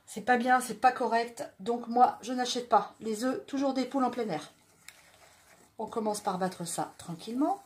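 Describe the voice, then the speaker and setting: A woman's voice: a little high, normal speed. A woman from southwest France, hosting a chatty home cooking demonstration in her kitchen. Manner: chatty, joking, talks while stirring. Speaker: home cooking video host.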